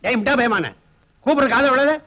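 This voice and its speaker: An actor playing a harsh, bullying husband who barks gruff orders. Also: male voice, extremely high pitch, quick pace, pushed and bright. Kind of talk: Tamil film acting. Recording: noisy film soundtrack.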